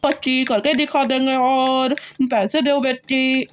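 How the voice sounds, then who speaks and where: A woman's voice: sits high, fairly even intonation, slow pace, slight background noise. A woman voicing a male street performer with a damru, calling out in a sing-song chant. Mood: bargaining. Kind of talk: doll-play storytelling.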